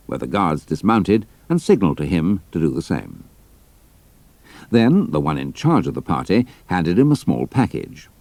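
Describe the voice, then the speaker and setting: A man narrating an adventure story in a measured, dramatic storytelling manner. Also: a bass voice, vocal fry, mellow, no room sound. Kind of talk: scripted audiobook narration.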